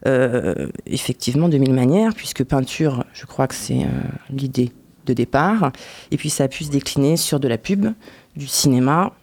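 A woman hosting a radio interview, asking questions in a relaxed way and often adding short replies. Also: rumbling low, normal speed. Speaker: radio host. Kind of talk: casual interview.

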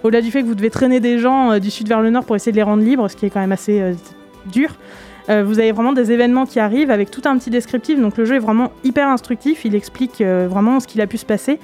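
Chatty radio lady, talks fast, lots of euh, bit high pitched, soft music under. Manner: chatty, hesitant with many fillers, laughs easily. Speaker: radio show co-host presenting a board game. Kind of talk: casual radio chat. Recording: radio studio with faint music behind.

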